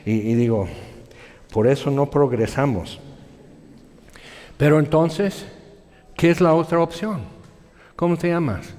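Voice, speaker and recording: A man preaching a sermon, telling stories in an animated way and voicing other people in his quotes. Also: on the high side, slow pace, pauses often. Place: church hall. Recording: long hall reverb.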